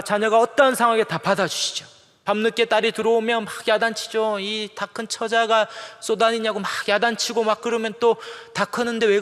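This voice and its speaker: A man's voice: high-pitched, a bit bright. A middle-aged male pastor preaching a sermon in a conversational, playful way, acting out little quotes. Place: large church sanctuary. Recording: long hall reverb in a church.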